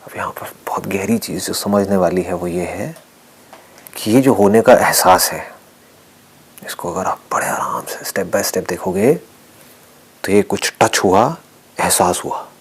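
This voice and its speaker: A man giving a calm spiritual discourse, speaking softly and often sinking to a whisper, asking and answering his own questions. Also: low voice, husky, low-quality recording. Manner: calm, soft-spoken, often dropping to a whisper. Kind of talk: spiritual discourse mixing Hindi and English.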